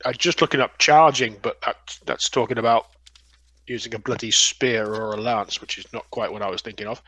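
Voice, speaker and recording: A man's voice: mid-range voice, steady tone, fairly quick, bright, forceful tone, poor audio. Man tallying dice rolls at the table. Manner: works through rules and dice sums aloud. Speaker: player. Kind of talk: casual tabletop play.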